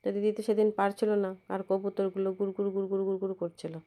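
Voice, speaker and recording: A woman narrating a home vlog as a casual voice-over. Her voice is hoarse and cracked from a cold, and she rambles and restarts her words. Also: medium pitch, monotone, quick pace, warm tone. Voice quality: husky, cracked voice. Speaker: vlogger narrating her visit. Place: indoors, voice-over recorded at home. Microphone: phone.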